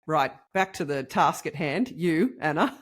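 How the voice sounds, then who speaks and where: A woman hosting a podcast interview, casual and bubbly with quick reactions. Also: sits low. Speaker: podcast host.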